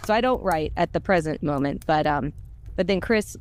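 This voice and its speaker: A middle-aged woman who voices audio dramas and appears on a podcast cast tells stories in a casual, conversational way. Her voice sits low with a darkish tone at a moderate pace, and she is exuberant, chatty and self-deprecating.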